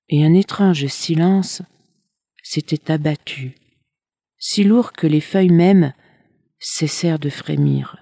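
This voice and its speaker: A storyteller reads a fairy tale aloud, slow and unhurried, with expressive rises for the dramatic moments. The voice sits in a middle pitch. The recording is dry and close, with no room sound. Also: no echo.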